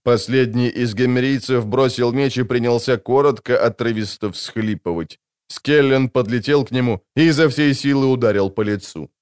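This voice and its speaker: A male audiobook narrator reads scripted prose in a steady, dramatic way. His voice sits at an ordinary middle pitch. The recording is close and dry, with no room sound. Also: normal speed, smooth, no echo.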